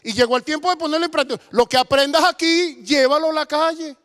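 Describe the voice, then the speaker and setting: Man, Venezuelan accent, middle-aged pastor, sermon, very high voice, passionate, long church echo. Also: fast. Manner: impassioned, swinging between loud bursts and hushed asides. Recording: echoey church hall.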